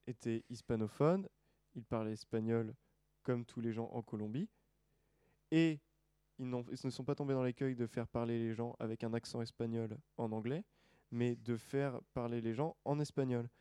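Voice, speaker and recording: A man's voice: medium pitch, fairly even intonation, moderate pace, warm tone, clear, resonant tone, dry recording, studio quality. A man co-hosting a podcast in casual chat, talking hesitantly with many fillers and restarts. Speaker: podcast co-host. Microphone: desk microphone.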